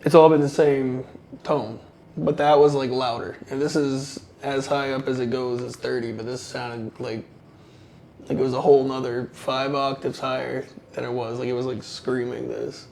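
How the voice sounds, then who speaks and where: A man's voice: mid-range voice, little pitch movement, moderate pace, creaky, a little mellow, slight background noise. A man on a paranormal investigation, talking casually and hesitantly with many fillers. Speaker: investigator relaying spirit box words. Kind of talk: casual chat.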